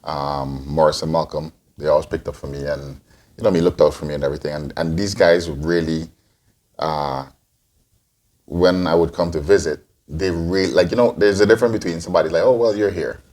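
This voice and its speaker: A man's voice: rumbling low, fairly even intonation, a little fast, a little mellow. A man in his forties, from Guyana and raised in Antigua, answering interview questions as a podcast co-host, rambling with many restarts. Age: 40s.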